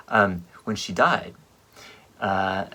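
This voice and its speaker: A composer telling a personal story in a rambling, halting way, full of fillers. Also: male voice, deep voice, bright, forceful tone, breathy edge. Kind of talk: casual storytelling monologue. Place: home livestream at a piano.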